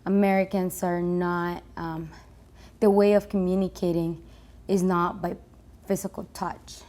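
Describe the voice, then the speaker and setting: Young woman interviewee, low and monotone, halting delivery. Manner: hesitant, many "um" and restarts. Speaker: international student. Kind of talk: interview testimony.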